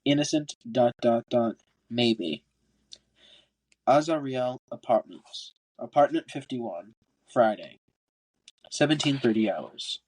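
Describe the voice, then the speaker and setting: A podcast host with a stuffy, congested nose reads a book aloud as an amateur audiobook, stumbling over words now and then and rereading lines. His mid-range voice is darkish and slightly rough, taken slowly with frequent pauses, in a low-quality recording.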